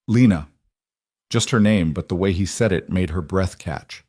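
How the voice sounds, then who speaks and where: A man narrates a romance story at a measured, even pace. His voice sits low and the recording is dry and close. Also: no room sound.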